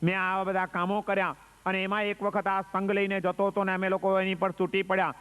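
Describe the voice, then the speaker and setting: A man playing a furious young outlaw chief who shouts vengefully while grieving his wife, in a sermon story. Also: sits high, monotone, brisk, smooth, in a large hall.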